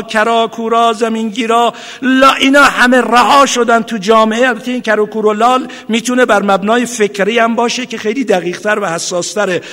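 A man's voice: sits high, sharp tone. A man preaching a fervent sermon, reciting Arabic quotations in a chanting style and rising to impassioned calls. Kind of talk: Muharram sermon. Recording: echoey hall with long reverb.

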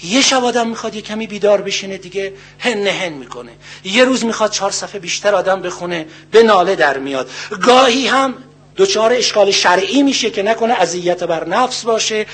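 An older man giving a religious sermon, earnest and full of rhetorical questions, slowly reciting Arabic verses. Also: high-pitched, animated, fairly bright tone, slightly rough. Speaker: cleric.

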